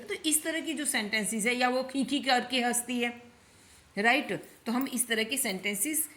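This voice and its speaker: A woman teaching English grammar, slowly repeating each example sentence and explaining it. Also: a little high, sharp tone.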